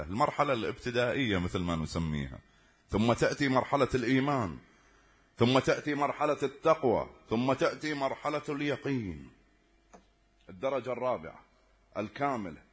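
A man's voice: mid-range voice, very animated, fairly quick, slightly rough. A man preaching a sermon, often putting rhetorical questions to his listeners.

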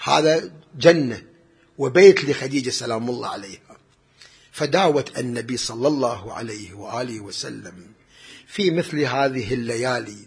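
A man's voice: mid-range voice, normal speed, gravelly, breathy edge. A man preaching a mourning sermon, drawing his words out into a wailing chant.

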